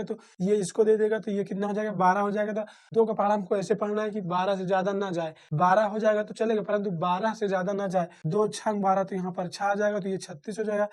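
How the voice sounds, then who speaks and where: Tutorial teacher, mid pitch, walks through each step slowly, keeps checking in with "friends.". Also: a little mellow. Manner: calls listeners "friends" often, asks and answers own questions; repeats and rephrases steps. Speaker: math teacher. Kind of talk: step-by-step math lesson.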